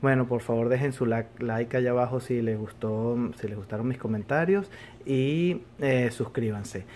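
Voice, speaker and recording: A man's voice: mid-range voice, moderate pace, a little mellow, a little hiss or hum. Man rambling through a TV episode recap. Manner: rambling retelling with frequent fillers and restarts. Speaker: TV series reviewer.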